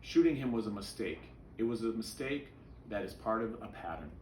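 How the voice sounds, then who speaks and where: A man voicing a patient, earnest storybook mother who explains things in a gently instructive way. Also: on the low side, lively intonation, normal speed, echoey room, slight background noise, close to an everyday voice.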